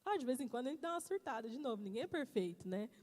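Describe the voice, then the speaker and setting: A woman preaching a church sermon on marriage, animated and laughing as she tells stories. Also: fairly high pitch, rapid-fire. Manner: animated, storytelling, laughs often. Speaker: pastor's wife preaching. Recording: church hall reverb.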